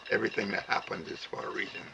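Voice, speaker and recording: Speaking to camera in a slow, wandering way, this older Cajun storyteller shares his heritage in a gravelly, very deep, plain-spoken voice. His delivery stumbles, full of "uh" fillers and words said twice. Hiss runs under a dull, low-fidelity recording.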